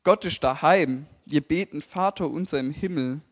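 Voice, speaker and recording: A young man preaching a sermon, lively and emphatic, speaking directly to the congregation. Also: on the high side, normal speed.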